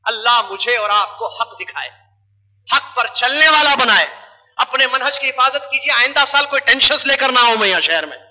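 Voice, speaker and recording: A man's voice: very high voice, animated, bright, forceful tone. A male preacher, delivering an emphatic sermon full of rhetorical questions.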